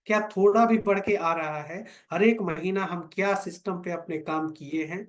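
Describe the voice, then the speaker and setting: A man's voice: high voice, moderate pace. A man giving a motivational business training talk to a small meeting, preaching and asking rhetorical questions with repeated phrases. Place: meeting room with fifteen to twenty people.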